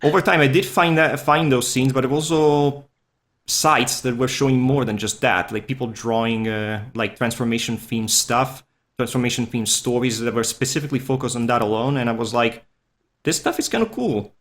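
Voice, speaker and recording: This furry artist, a podcast guest, speaks non-native English with a Swiss Italian accent, Italian being his first language. His voice is medium in pitch and fairly bright, moving at a moderate pace. The casual interview chat finds him easygoing, rambling and ready to poke fun at himself.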